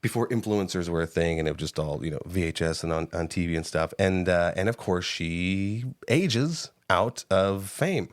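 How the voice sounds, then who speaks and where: Low-voiced man chatting about movies. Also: moderate pace, few pauses, dry recording, studio quality. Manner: animated, swearing, laughing often. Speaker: podcast co-host. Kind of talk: casual movie review chat. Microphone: close studio mic.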